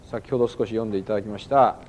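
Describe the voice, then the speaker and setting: A man's voice: on the low side, fairly even intonation, rapid-fire, darkish tone, slight background noise. A man giving a sermon as a pastor, conversational and dotted with fillers, in a church hall. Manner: conversational preaching with frequent "ano" fillers.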